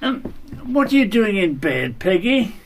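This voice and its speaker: A man's voice: high voice, sing-song, unhurried, creaky, exaggerated voice. An actor playing a confused elderly man visiting a care home in a radio drama. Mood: puzzled.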